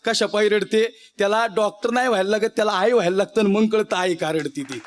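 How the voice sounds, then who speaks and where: A man's voice: sits high, quick pace. A man preaching a devotional kirtan sermon in an emotional, rustic style, addressing the audience directly.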